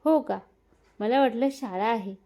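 A gentle young married woman who speaks softly and slowly, as a woman narrator reads her lines. Her voice sits high and warm. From a family story read aloud.

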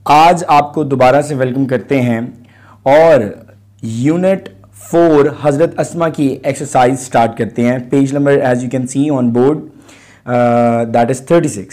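A man teaching an English lesson, explaining in Urdu and reading the English words out slowly with drawn-out emphasis. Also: mid-range voice, darkish tone. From Pakistan. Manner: slow and deliberate, mixing Urdu with English. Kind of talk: recorded classroom lesson.

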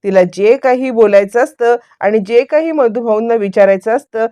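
A woman's voice: normal speed, smooth, dry recording. A woman narrating a recap of a television serial episode, retelling the scenes as a story and lifting her voice when she acts out the characters' lines. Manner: animated retelling, raising her pitch for quoted dialogue.

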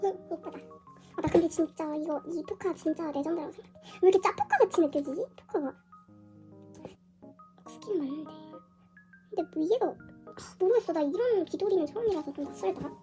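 A woman unboxing an album in a casual vlog, her hoarse voice run through a pitch-raising voice changer, gushing and squealing often. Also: fairly quick, long pauses, over music. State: hoarse from illness. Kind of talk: casual excited unboxing chat.

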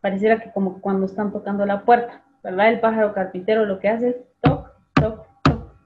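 A woman's voice: mid-range voice, little pitch movement, music in the background. Woman teacher on a tinny call. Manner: patient, calls on students by name and repeats sounds slowly. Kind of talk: online class for students. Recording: tinny phone-like video call audio.

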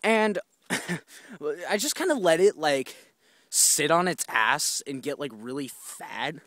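Speaking slowly but with animation, a young vlogger with a fairly bright voice on the high side tells a rambling, profane story while walking a wooded trail. He films on a handheld phone, filling his talk with fillers and restarts. The sound is clean and studio-like, with no room sound.

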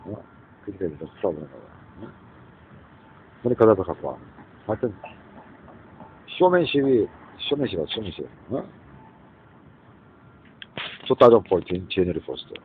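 Man, rambling street monologue, deep voice, tinny lo-fi sound. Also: sing-song, unhurried, long pauses. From Gyeongsang region, South Korea. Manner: rambling, keeps asking "eh?" and mixes in English phrases. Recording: tinny phone-like sound with faint street noise.

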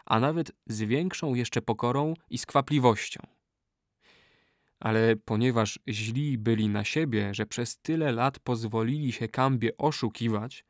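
A man reading a classic novel aloud as an audiobook narrator, in a measured, steady storytelling manner. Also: medium pitch, dry recording, studio quality. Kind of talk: scripted narration.

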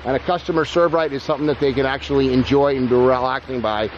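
A man's voice: medium pitch, steady tone, fast, highs cut off, a little hiss or hum. A middle-aged man hosting a pond channel, walking outdoors and explaining water features with enthusiasm. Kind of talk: on-location walk-and-talk vlog. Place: outdoors at a garden center pond. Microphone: handheld camera held close.

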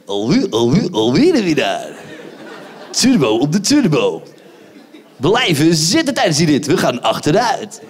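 Booming low fairground announcer, put on by a male comedian, stretched-out stammering hype calls. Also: wildly swooping pitch, measured pace, some chatter behind. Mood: hyped.

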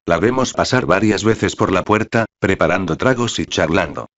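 A man reads a screenplay aloud, stage directions and all. His voice is low and his delivery stays flat and monotone. The recording sounds dull and lo-fi. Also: normal speed.

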